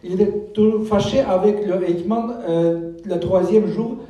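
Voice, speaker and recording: A man gives hesitant interview answers, pausing often with filler sounds as he looks for words. His voice is dark and mellow and sits a touch high, and it is picked up from off the mic. The room around him is very echoey. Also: recorded from a distance, soft background music. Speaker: guest author.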